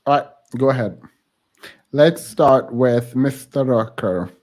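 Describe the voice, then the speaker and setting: A man's voice: mid-range voice, takes it slowly, darkish tone. A man hosting a casual panel discussion on a video call, laid-back and joking, rambling a little as he talks. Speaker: host.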